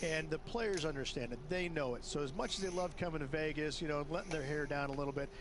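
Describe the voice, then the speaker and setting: A man's voice: on the high side, fast talker, background noise, lightly acted. A man speaking as a golf commentator and analyst in a video game, chatty, informal and explanatory. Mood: easygoing.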